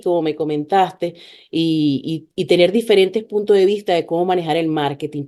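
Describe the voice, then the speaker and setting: A woman's voice: on the low side, warm tone. A woman hosting a podcast interview, speaking with many hesitant fillers and restarts. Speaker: podcast host.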